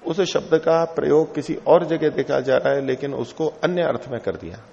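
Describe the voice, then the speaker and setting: Teaching a classical text, a middle-aged man explains each term with patience and revisits it, his philosophy lecture recorded lo-fi in a hall with long reverb. He speaks at a moderate pace, his voice on the high side, creaky and a little mellow.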